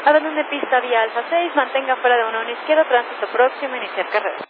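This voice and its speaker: A woman air traffic controller speaks in a high voice, clipped and formal. She comes through a two-way radio transmission that sounds thin and tinny. Heavy static hisses behind her. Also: quick pace. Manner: clipped, formal, even delivery. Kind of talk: radio phraseology.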